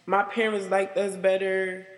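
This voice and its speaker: A young American woman telling her life story in an interview, halting and rambling, with "like" in nearly every sentence. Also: mid-range voice, little pitch movement. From United States. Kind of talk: personal interview. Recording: long reverb.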